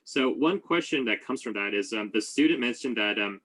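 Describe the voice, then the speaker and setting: A man moderating a club session on a call, reading student questions aloud, often pausing with "um". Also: medium pitch, animated, fairly bright tone, low-quality recording. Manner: hesitant, frequent "um" and "you know".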